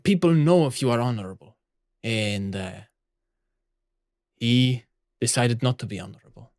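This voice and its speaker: A man's voice: medium pitch, expressive, normal speed, a little mellow, smooth, dry recording, natural voice. Man voicing a proud naval woman, put-on Spanish accent, earnest, lecturing, dry recording. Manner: earnest, lecturing about honor. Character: proud honor-obsessed woman naval officer. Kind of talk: improvised tabletop role-play.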